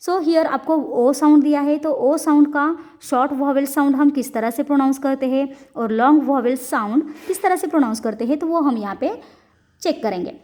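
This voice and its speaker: A woman teaching a lesson, reading slowly, spelling out words and explaining quickly in Hindi. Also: sits high, mellow. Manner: slow and careful in English, quick in Hindi, spells words letter by letter.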